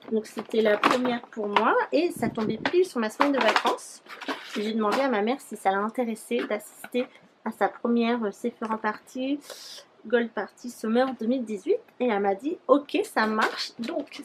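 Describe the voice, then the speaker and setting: A young woman chats her way through a beauty haul, her voice sitting a little high. She rambles easily, filling pauses with hesitations. A faint noise hangs under the recording. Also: rough recording. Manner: chatty, rambling with many fillers. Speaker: beauty YouTuber. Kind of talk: casual haul vlog.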